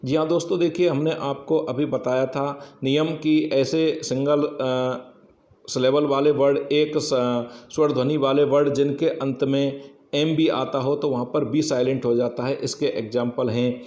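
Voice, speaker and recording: A man's voice: medium pitch, steady tone, a little slow, a little mellow, roomy sound, lo-fi sound. A man giving an exam-prep English lesson, explaining rules step by step and often saying "yes, friends". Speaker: English teacher.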